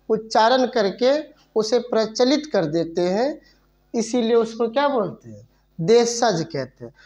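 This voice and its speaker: A woman teaching a grammar lesson, repeating each word and answering her own questions. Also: fairly high pitch.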